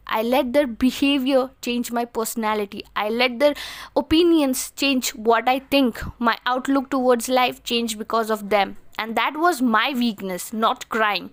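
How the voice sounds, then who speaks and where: A woman giving an earnest, emphatic motivational talk, often posing rhetorical questions. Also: on the high side. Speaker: motivational speaker.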